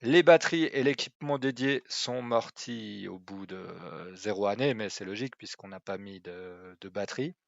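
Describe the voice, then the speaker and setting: Man, hesitant walkthrough, full of fillers, slightly low, muffled dry sound. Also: moderate pace, creaky, few pauses, no echo. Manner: hesitant, many fillers and restarts. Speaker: website presenter. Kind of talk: screen-recorded tool walkthrough.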